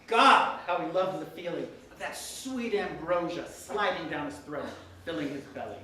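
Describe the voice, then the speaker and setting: Here a performer tells comic fairytales from a script in front of a live crowd, theatrical and prone to laughter and side comments. Their mid-range voice is expressive, bright and forceful at normal speed, heard through a far-off mic in an echoey, noisy room.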